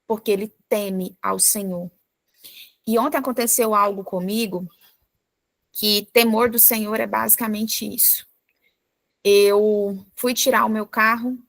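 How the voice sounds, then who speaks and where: A woman's voice: on the high side, no echo. Woman telling a devotional story, dry. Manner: storytelling, lively, with many fillers. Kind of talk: informal devotional talk.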